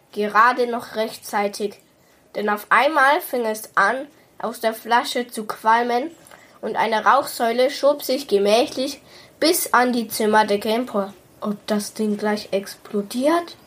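A woman reading a children's story aloud in a calm, even way. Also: fairly high pitch, breathy edge.

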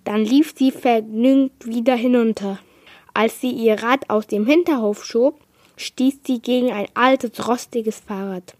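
A woman reading a children's book aloud in a slow, measured storytelling manner. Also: on the high side, fairly even intonation, darkish tone, no room sound. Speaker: reader.

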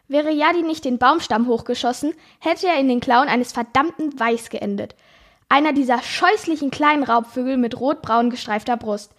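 Brief: teen girl, high bright pitch, expressive read-aloud for a school book podcast. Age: teenager. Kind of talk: reading a book excerpt aloud.

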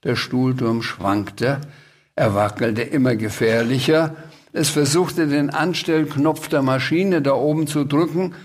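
A man reading his own children's story aloud at a live festival event. He tells it in a lively, chatty way and sometimes turns aside to explain things to the listeners. His voice sits in an ordinary middle range. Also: medium pitch, measured pace.

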